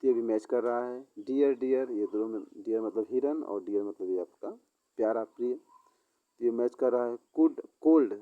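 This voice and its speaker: A man teaching a school English lesson, explaining words in Hindi and reading English sentences haltingly. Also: mid-range voice. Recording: dull lo-fi sound.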